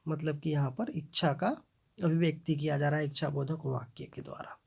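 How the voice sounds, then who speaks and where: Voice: medium pitch, fairly even intonation, a little fast, creaky, darkish tone, husky. A teacher reading and explaining example sentences. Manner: reads each example sentence aloud, then translates and explains it; addresses viewers as friends. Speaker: language teacher. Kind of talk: explaining grammar in a video lesson.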